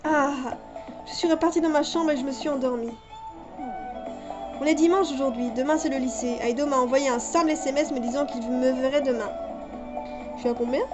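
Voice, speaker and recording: A woman's voice: high-pitched, fairly even intonation, brisk, pauses often. A woman narrating a fan-made story game in the first person, earnest and emotional. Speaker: visual novel narrator. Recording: dull lo-fi with music behind.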